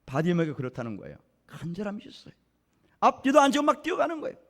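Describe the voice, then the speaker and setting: A man's voice: high-pitched, wildly swooping pitch, very fast, fairly bright tone. A male pastor preaching a sermon in a church, telling the story dramatically and putting rhetorical questions to the congregation. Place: church sanctuary. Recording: reverberant church sanctuary.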